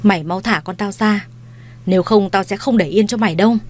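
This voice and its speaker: A woman's voice: medium pitch, a little fast, a little mellow, slight background noise, lightly acted. A woman voicing an angry grandmother in an audio story who scolds and threatens a young man.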